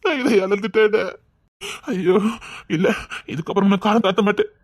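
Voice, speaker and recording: A performer with a Tirunelveli accent playing a tender, doting old grandfather in a comedy skit, talking slowly and fondly. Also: mid-range voice, no echo, studio quality, natural voice. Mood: sorrowful. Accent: Tirunelveli Tamil. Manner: slow, fond and pleading, breaking into sobs. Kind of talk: skit acting.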